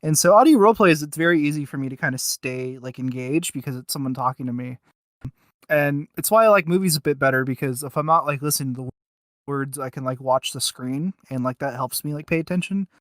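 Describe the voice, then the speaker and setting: Talking fast in a mid-range voice, a male podcast co-host rambles through an off-the-cuff review conversation, hesitating and leaning on filler words. The sound is dry and studio-clean.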